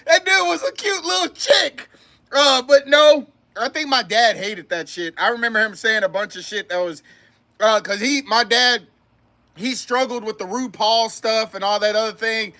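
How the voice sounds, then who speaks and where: A man with a very high voice and a sharp, bright tone, chatting loosely as a livestream host. He is a comedian who talks off the cuff, jokes and swears freely. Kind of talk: casual chat.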